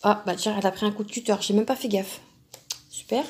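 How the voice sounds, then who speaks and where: A woman's voice: medium pitch, fairly even intonation, fast, a little mellow, a little hiss or hum. A woman hosting a crafting channel, chatting casually as she unboxes products, musing aloud to herself with lots of fillers.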